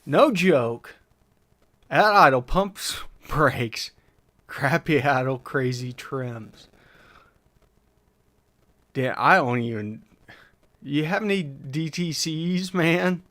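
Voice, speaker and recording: A man's voice: a little high, extremely slow, pauses often, fairly bright tone. A man hosting a live stream, casually reading out viewer questions and thinking aloud through his answers with frequent fillers. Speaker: livestream host answering chat questions on engine tuning. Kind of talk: casual livestream chat.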